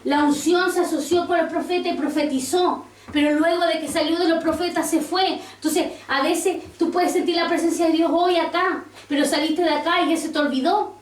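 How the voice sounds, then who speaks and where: High-voiced woman preaching in a roomy church. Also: fairly even intonation, moderate pace, a little hiss or hum. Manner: preaching, quoting scripture, asking the congregation. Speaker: pastor. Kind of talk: sermon. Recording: roomy church sound from a distance.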